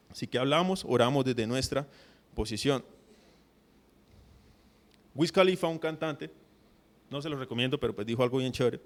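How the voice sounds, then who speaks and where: A pastor preaching with a fairly high voice. He keeps his sermon conversational and keeps asking the congregation whether they follow him. He now and then acts out mock prayers in a put-on voice. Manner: conversational preaching, constant checks with the audience.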